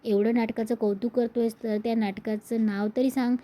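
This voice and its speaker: A woman's voice: fairly high pitch, level tone, normal speed, lightly acted. A woman voicing a spirited young wife who snaps and teases in a serial recap. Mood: teasing. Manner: sharp, teasing.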